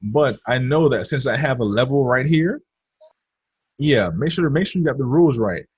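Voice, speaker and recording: A trading instructor with a mid-range, darkish, slightly rough voice talks at a moderate pace in an animated way. Over a screen share he chats casually, calls his viewers "you guys," and mutters to himself while drawing. The audio is lo-fi with no echo.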